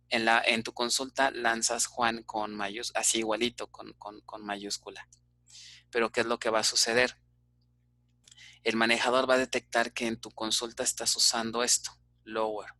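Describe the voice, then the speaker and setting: A man's voice: medium pitch, sharp tone, dry recording. A man with a Mexican Spanish accent teaching an online database class, explaining step by step and checking in with frequent "ok?" fillers.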